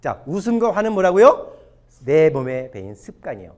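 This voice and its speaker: A male pastor giving a lively sermon lecture to an audience, often putting questions to them. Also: a little high, normal speed. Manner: animated, asks the audience questions. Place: church or hall lecture before an audience.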